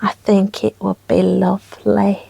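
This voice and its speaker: A woman co-presenting a children's show, telling scripted stories gently in the manner of a puppet show host. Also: mid-range voice, level tone, measured pace, vocal fry, slightly rough, no room sound.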